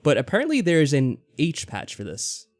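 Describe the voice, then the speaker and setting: A man a little high in pitch, with huge swings and a fairly quick pace, hosts a let's play, chatting tentatively, commenting, and reading the game's text. Game music plays under a dry, clean studio recording.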